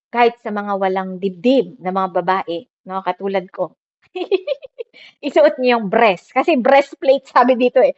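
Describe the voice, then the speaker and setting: A woman preacher giving a lively, conversational sermon and peppering her talk with tag questions to the listeners. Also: mid-range voice. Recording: dull lo-fi recording.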